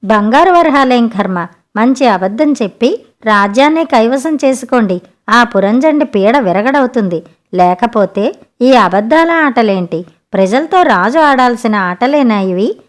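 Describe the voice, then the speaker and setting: Fed-up, outspoken wife for a bedtime storybook, read by a woman narrator, slightly high. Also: expressive, measured pace. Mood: indignant.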